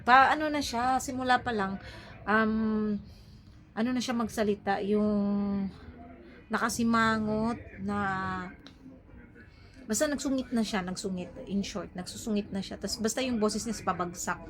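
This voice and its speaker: A woman vlogger talking casually to her viewers from home, rambling with lots of hesitations and filler words. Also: medium pitch.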